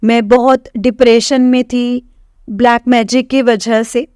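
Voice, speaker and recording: A woman's voice: on the high side, level tone, measured pace, a little mellow, clear, resonant tone, no room sound, studio quality. A woman from Punjab with a Punjabi accent, earnestly and emotionally sharing her devotional testimony with the congregation, repeating her phrases. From Punjab, India.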